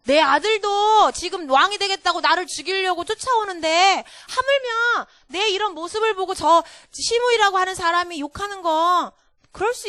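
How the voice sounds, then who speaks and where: A woman voicing a calm, forgiving older male king who explains himself patiently in a children's Bible story. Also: extremely high pitch, no echo, studio quality, voice pushed up, exaggerated voice.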